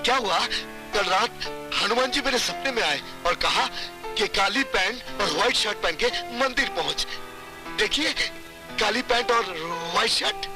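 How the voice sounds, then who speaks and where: Guy doing a jumpy young suitor, fairly high voice, music behind. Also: animated, normal speed. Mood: flustered.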